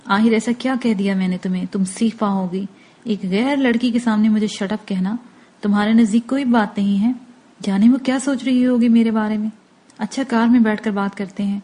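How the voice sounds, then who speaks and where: Woman reading a fed-up young guy pleading and arguing, soft dark tone. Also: medium pitch, steady tone, close to an everyday voice. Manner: pleading, irritated. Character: exasperated young man, a university student.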